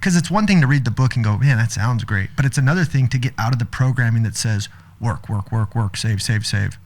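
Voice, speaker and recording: A man hosting a podcast, chatting in a relaxed, friendly way and calling his guest "dude". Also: medium pitch, fairly quick. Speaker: podcast host. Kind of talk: casual conversation.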